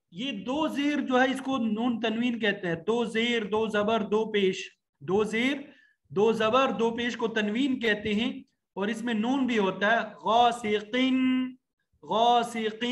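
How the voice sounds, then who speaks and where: High-pitched guy teaching a recitation class, repeats each syllable slow so students copy. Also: a bit bright. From Pakistan. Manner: slowly drawn-out recitation examples between brisk explanations. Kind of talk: classroom tajweed lesson.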